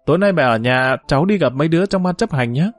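A man's voice: a little high, expressive, fast talker, dry recording, soft background music, lightly acted. A man voicing a bold, outspoken young village woman in a story reading, blunt and cheeky. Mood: earnest. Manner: blunt, cheeky, talking loudly.

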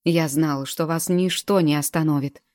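A woman's voice: low-pitched, fairly even intonation, moderate pace, a little mellow, dry recording, clean studio sound, close to an everyday voice. Woman reading as a brash teasing male dragon. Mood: jovial.

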